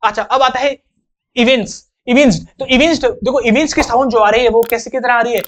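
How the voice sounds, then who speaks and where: A man's voice: extremely high pitch, steady tone, a little fast, a bit bright. Chatty male English teacher. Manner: chatty, jokey teaching with acted-out examples. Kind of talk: online vocabulary lesson.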